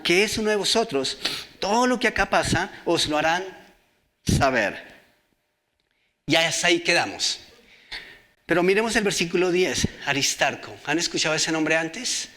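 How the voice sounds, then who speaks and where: A male preacher delivers a sermon. His voice is bright and sits slightly high. He reads verses aloud and keeps asking the congregation questions. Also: expressive, moderate pace.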